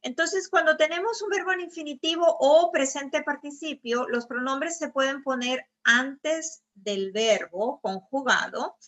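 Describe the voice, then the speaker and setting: A woman's voice: sits high, unhurried, hardly any pauses, fairly bright tone. A woman teaching a grammar lesson over slides. She explains patiently and keeps checking with her students. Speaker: Spanish teacher.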